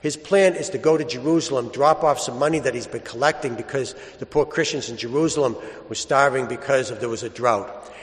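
Priest preaching in long cathedral echo. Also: male voice, medium pitch. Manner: plain storytelling with pauses and repeated rhetorical asides. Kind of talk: Gospel reading and conversational homily. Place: large reverberant church.

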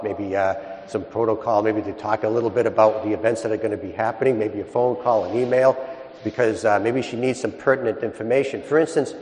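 A low-voiced man leads Mass as a priest. His words ring out through a big church with a long, echoing reverb. He preaches in a chatty way and turns questions to his listeners. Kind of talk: gospel reading and homily at Mass. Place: large church.

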